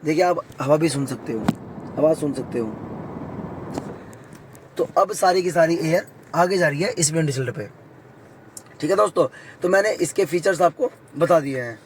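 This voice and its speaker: A hoarse man, a vlogger, giving a casual how-to demonstration from inside a car. He keeps turning to his viewers with "friends" and "okay". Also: a little high, moderate pace, long pauses, slight background noise, poor audio.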